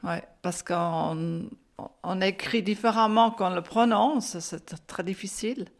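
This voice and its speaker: A woman's voice: medium pitch, slow pace, creaky. An older woman who grew up speaking Swiss German, telling her life story in a chatty way with a Swiss German accent in French. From German-speaking Switzerland. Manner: chatty, frequent "hein" and "euh", laughs often. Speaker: interviewee. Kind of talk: recalled life story in conversation.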